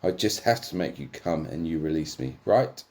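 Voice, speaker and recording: A man's voice: extremely low pitch, expressive, normal speed, darkish tone. A man voicing a cocky male fighter with a boastful, self-satisfied delivery.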